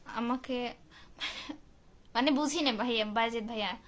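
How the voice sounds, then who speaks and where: Hosting a casual live stream, a woman from Santahar in northern Bangladesh chattily reads out viewers' comments and answers them. Her voice sits on the high side, a little bright, and she speaks at a measured pace.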